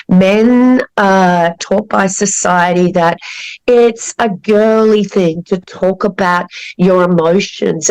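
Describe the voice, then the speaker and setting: Aussie woman hosting a podcast, slow and careful, lots of uhs, lowish voice. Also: poor audio. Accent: Australian. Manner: slow and deliberate, with frequent fillers and restarts. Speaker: podcast host. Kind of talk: podcast interview.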